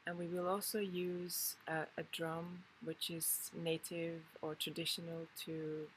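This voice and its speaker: A woman from Finland, a Kundalini yoga teacher talking a class through a calm, unhurried introduction and often pausing to find her words. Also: fairly low pitch, a little hiss or hum, low-quality recording.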